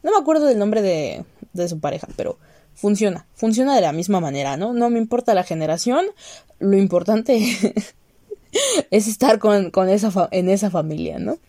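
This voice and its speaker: A young Mexican woman reviewing a series in a casual, animated rant, swearing and breaking into high outbursts. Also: moderate pace, dry recording.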